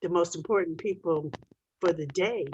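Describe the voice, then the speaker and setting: A woman's voice: on the low side, moderate pace, muffled recording, slight background noise. A woman hosting a virtual meet-and-greet on a video call, friendly and chatty. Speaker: host. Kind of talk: casual virtual meeting.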